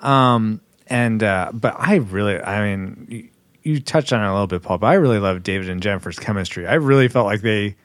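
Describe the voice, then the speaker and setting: A man's voice: lowish voice, brisk, dry recording. A man hosting a casual movie discussion, chatty and full of restarts. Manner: chatty, many restarts and fillers.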